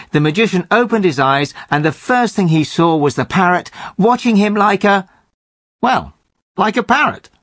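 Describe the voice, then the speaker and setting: A man spins a long joke at a storyteller's pace, pausing for effect. His pitch swings widely as he tells it, and the recording is dry and close. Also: a bit bright, no echo. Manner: storytelling with playful pauses. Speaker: regular joke teller. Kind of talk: scripted joke telling.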